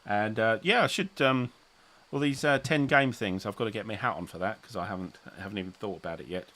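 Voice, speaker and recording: A middle-aged man hosts a relaxed chat stream, his voice sitting on the low side. He rambles, backtracks, and restarts his sentences. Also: a little fast. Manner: rambling, self-interrupting, chuckling. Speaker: channel host. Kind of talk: casual livestream chat.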